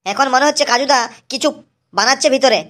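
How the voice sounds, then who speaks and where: A cheeky cartoon boy with a high voice chatters rapidly at his viewers. Excitable and talkative, he keeps repeating himself in a comic send-up of a vlog.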